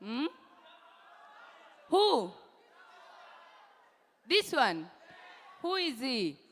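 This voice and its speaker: A woman's voice: sits high, sing-song, drawn-out words, a bit bright, in a large hall, some chatter behind, slight background noise. A woman in her twenties with a Kenyan accent doing stand-up comedy, teasing the audience and repeating lines for emphasis. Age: 20s.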